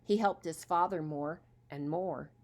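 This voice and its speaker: A woman reading a children's story aloud as storyteller, expressive and asking the young listeners questions. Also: low voice, unhurried.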